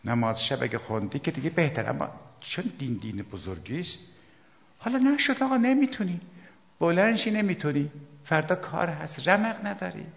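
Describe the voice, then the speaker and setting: A man preaching a sermon, emphatic, swinging between loud outbursts and hushed asides. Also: a little high, very animated, creaky. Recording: long hall reverb.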